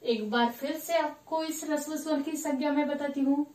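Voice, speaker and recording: A woman's voice: high voice, fairly even intonation, darkish tone. A woman teacher giving a grammar lesson, repeating points and asking questions that she answers herself. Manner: slow, repetitive, asks questions and answers them herself. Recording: echoey room, voice from a distance.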